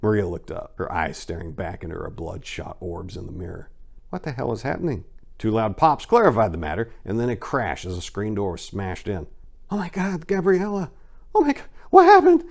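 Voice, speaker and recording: A man with a fairly low voice gives a dramatic reading of crime fiction from a written script. His storytelling is intense and expressive, a little fast, with vocal fry.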